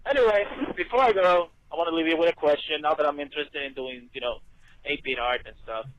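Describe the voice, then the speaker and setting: A man's voice: on the high side, fast talker, dull audio, slight background noise. A tired man leaving a casual voice message from a moving car, played back through a speaker, swearing freely. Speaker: listener calling in with a voice message.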